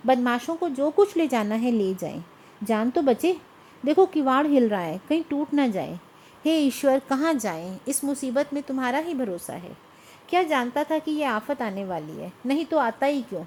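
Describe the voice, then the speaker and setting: A woman's voice: high-pitched, big pitch swings, normal speed, darkish tone, slight background noise. A woman voicing a timid, cowardly young husband who pleads and frets. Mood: fearful. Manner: pleading, fretful.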